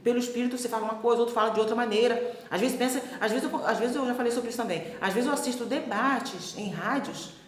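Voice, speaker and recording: A woman preaches in a relaxed, conversational way, keeping her pitch high and lifting into little acted-out voices for the people she quotes. The room around her rings with echo. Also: quick pace, hardly any pauses. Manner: chatty, keeps checking in with listeners. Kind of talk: casual Bible teaching.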